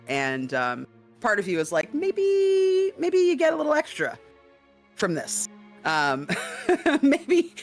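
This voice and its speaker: Halting male game master narrating. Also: fairly high pitch, a bit bright. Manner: halting, searching for words. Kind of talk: improvised tabletop game narration.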